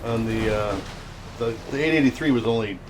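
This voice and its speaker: A man chatting casually on a live stream, telling stories in a lively way and acting out what others said. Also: medium pitch, brisk. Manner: storytelling, animated when quoting others. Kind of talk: casual chat. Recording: noticeable background noise.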